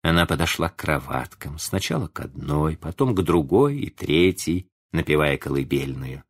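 A man's voice: a bass voice, moderate pace. A man narrating a children's story as an audiobook, telling it expressively. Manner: expressive storytelling with lively intonation.

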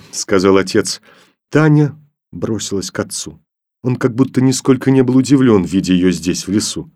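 A man reads a story aloud in a measured, steady way. His voice sits fairly low and has a soft, mellow warmth. His delivery is even and unhurried, suited to an audiobook. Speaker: narrator. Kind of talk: audiobook narration.

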